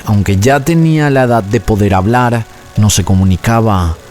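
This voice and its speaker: A man reading a scripted documentary narration in a measured, even storytelling manner. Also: medium pitch. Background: faint background music.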